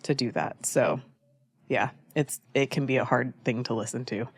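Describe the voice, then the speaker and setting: A woman co-hosting a casual book podcast, plain-spoken and quick to agree. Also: extremely low pitch, husky, dry recording. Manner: many short agreeing replies, plain-spoken. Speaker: podcast co-host. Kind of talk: casual chat about books.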